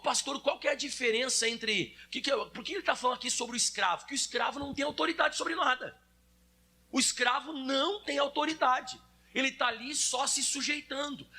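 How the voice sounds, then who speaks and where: A male pastor from Brazil preaching a lively sermon, acting out scenes of children and adults. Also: extremely high pitch. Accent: Brazilian Portuguese.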